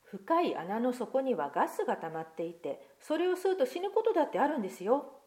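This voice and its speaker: A woman's voice: sits high, big pitch swings, brisk, darkish tone, pitched above the performer's own voice. A woman reading aloud as a boy's strict, protective mother who forbids him firmly. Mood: stern. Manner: firm, scolding. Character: stern, protective mother of a boy.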